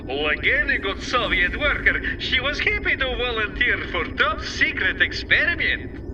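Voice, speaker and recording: An actor playing a gleeful, theatrical Soviet villain in a video game, with a Russian accent and a mock-polite, gloating delivery. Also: male voice, extremely high pitch, sing-song, unhurried, highs cut off, noisy background, heavily acted. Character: gleeful theatrical Soviet villain, adult man, mocking and menacing. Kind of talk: video game character acting. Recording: distant voice under loud music.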